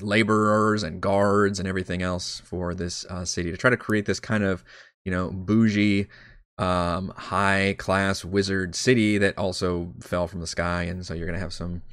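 A man's voice: sits low, a bit bright, no room sound, studio quality. A man running a tabletop campaign, chatting casually and rambling, poking fun at himself and swearing now and then. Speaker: dungeon master. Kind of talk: casual livestream chat while prepping a game.

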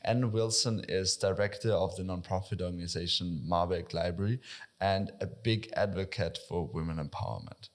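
Deep-voiced male podcast host. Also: normal speed. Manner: friendly, scripted intro then casual questions. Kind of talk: podcast interview hosting.

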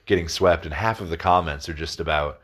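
A man with a very low, deep voice co-hosts a loose podcast conversation. He rambles through his points and swears freely. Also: a little fast, fairly bright tone. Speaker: podcast co-host. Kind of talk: casual chat.

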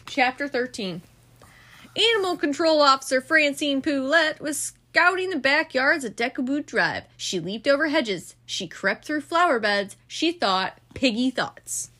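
Animated mother reading a bedtime story. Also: high voice, unhurried. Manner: animated, expressive. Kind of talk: storybook read-aloud.

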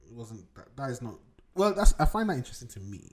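A Nigerian man in his twenties hosts a casual solo podcast from his computer desk at home, rambling, digressing and swearing freely. His mid-range voice swings widely in pitch at a quick pace.

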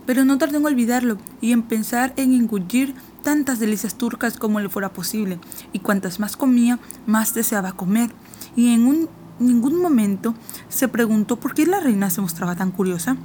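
Woman narrating a storybook, steady and measured. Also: a little high, slight background noise. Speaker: audiobook narrator.

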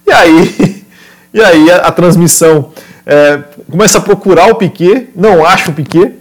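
A man with a Brazilian accent giving casual motorsport commentary, telling race stories in an animated way and often repeating words and adding tag questions. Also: high voice, moderate pace. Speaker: motorsport podcast or stream host.

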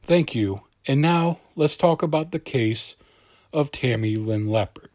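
A man's voice: mid-range voice, lively intonation, measured pace, a little mellow, no room sound. A man hosting a true crime podcast, reading scripted narration in the suspenseful manner of a crime show narrator, close on the mic. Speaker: podcast host.

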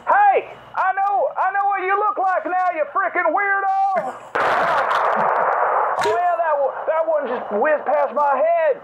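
A squeaky alien prankster on a voicemail. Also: male voice, slow. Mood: gleeful taunting. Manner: taunting, giggly, breathless. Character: cackling male space alien prankster on the run. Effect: heard over a phone voicemail. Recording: muffled voicemail phone line with loud hiss.

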